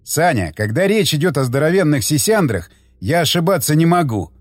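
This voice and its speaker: A man voicing a blunt male soldier who talks crudely and shouts orders. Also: a little high, sing-song, a little fast, no echo. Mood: joking.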